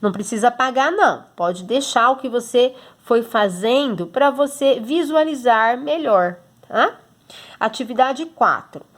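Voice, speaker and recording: A woman's voice: a little high, animated, unhurried. A woman with a Brazilian Portuguese accent, a teacher explaining a homework exercise to children patiently, step by step, checking in often. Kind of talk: recorded homework lesson for children.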